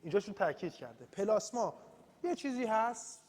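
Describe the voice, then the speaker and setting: A man's voice: high-pitched, expressive, darkish tone. A male university lecturer giving an informal, chatty, self-deprecating study-session lecture in a classroom. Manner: chatty and self-deprecating, mixing in read-out English terms. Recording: reverberant room, faint background noise.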